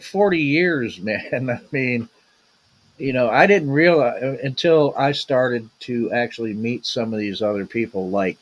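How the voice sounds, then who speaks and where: Husky man rambling in casual chat. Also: medium pitch, rough recording. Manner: rambling, says "man" and "you know" a lot. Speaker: podcast co-host.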